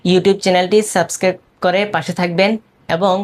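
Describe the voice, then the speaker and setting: A woman's voice: fairly low pitch, little pitch movement, brisk. A woman teaching a beginners' language class, explaining letter rules step by step and repeating each example word several times.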